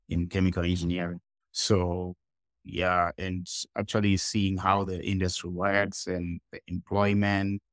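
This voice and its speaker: A man from Zimbabwe speaks over a headset on a video call, his voice very low and deep. He talks haltingly, repeating words as he looks for them, and the sound is dry and close with no room echo. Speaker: guest artist. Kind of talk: casual interview on a video call. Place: small room indoors.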